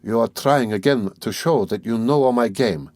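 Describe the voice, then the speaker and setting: A man's voice: medium pitch, moderate pace, darkish tone, no room sound, close to an everyday voice. A man doing a feverish, suspicious young man. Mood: defiant.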